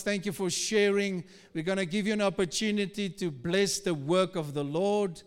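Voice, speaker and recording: A man's voice: high voice, clean tone. A male pastor preaching an exhorting sermon like a pep talk, repeating questions and commands to his congregation. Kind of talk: rousing sermon exhortation, like a pep talk, calling for crowd response. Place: large reverberant church hall. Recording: long hall reverb.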